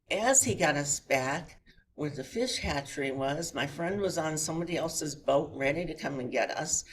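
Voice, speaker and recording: A middle-aged woman giving a spiritual lecture in a chapel, telling a personal story with lively voices and rhetorical questions to the audience. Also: low voice, creaky, a little hiss or hum. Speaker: guest speaker at a chapel. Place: chapel hall before an audience.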